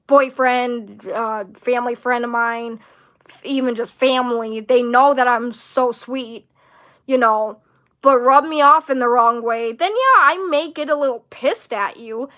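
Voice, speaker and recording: A woman's voice: on the high side, fairly bright tone. A young woman hosting her own podcast, venting in a rambling, exasperated way, full of fillers. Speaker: podcast host. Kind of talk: casual solo podcast monologue.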